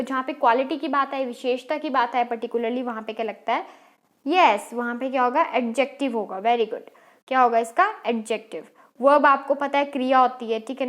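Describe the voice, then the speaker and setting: A woman teacher with an Indian English accent, explaining English exam questions step by step and quizzing her students. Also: sits high. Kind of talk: exam-prep English lesson.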